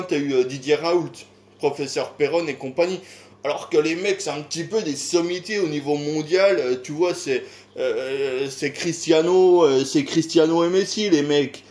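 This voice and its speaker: A man's voice: a little high, a little mellow. A middle-aged man with a French accent, rambling in a casual video monologue, full of sighs, fillers and rhetorical questions. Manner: hesitant, lots of filler sounds and sighs. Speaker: YouTuber.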